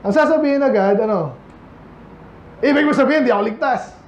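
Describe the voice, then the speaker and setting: A man preaching a sermon as pastor, talking with the congregation through questions and mimicking complainers in a high mocking voice. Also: brisk, a little hiss or hum. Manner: conversational, asks the congregation questions. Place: church hall. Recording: echoey, dull room recording.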